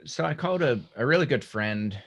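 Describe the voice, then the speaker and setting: Male podcast host, mid pitch, chatty, animated storyteller. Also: a little fast. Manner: animated retelling, quotes others at length. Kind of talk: casual podcast conversation.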